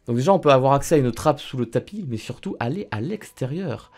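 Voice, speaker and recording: A man from France giving excitable, chatty let's play commentary, reacting aloud to a video game. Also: medium pitch, a little fast. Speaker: gaming video creator.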